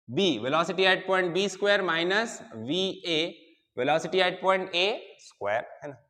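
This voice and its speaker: Lecturing on engineering mechanics at a whiteboard, this engineering teacher speaks in a high-pitched, fairly bright voice with a long reverb tail. He explains each step as he goes and checks in with his students.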